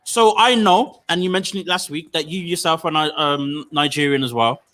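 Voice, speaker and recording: Male co-host, bright voice, affirming and conversational. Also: a little high, normal speed, poor audio. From Jamaican heritage. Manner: affirming, repeats phrases. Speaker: podcast co-host. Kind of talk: casual chat.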